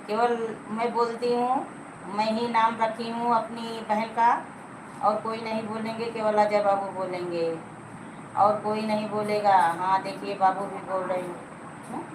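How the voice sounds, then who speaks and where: A woman's voice: medium pitch, background noise. A middle-aged woman hosting a casual live stream, chatting with viewers, teasing them and coaxing them to like and comment. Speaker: livestream host.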